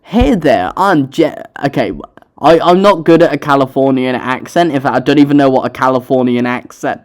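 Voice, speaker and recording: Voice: mid-range voice, fairly even intonation, a little fast. Casual, swearing storyteller. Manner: casual, self-mocking, swears often. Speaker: author narrating own audiobook. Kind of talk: storybook narration with joking commentary.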